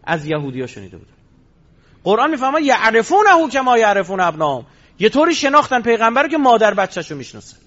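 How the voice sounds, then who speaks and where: A man's voice: high-pitched, sing-song, fairly bright tone. A man giving a storytelling sermon, asking rhetorical questions and answering them himself. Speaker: religious lecturer. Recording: dull lo-fi recording.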